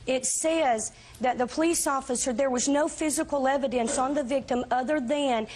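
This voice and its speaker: A woman's voice: high voice, moderate pace, a little mellow, a little hiss or hum. An American woman defendant in a television court, arguing her side insistently and defensively. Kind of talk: spontaneous argument.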